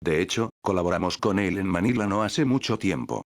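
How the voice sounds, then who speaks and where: A calculating supervisor whose calm questions carry a sarcastic edge, read by a male narrator. His voice sits low and sounds close and dry. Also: fairly quick, dry recording. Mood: sardonic.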